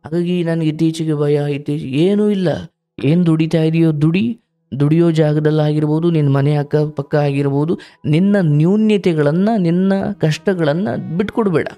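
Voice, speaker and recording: High-voiced man giving fatherly counsel. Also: steady tone, moderate pace, clean tone. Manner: warm, fatherly, preaching advice with acted quotes. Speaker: spiritual counselor hosting a call-in show. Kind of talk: live call-in counseling talk.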